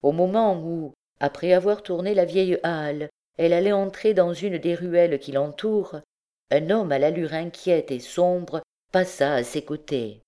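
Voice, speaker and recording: A woman reading a classic novel aloud as an audiobook, in a steady, clear narrating voice. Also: on the low side, moderate pace. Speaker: audiobook reader.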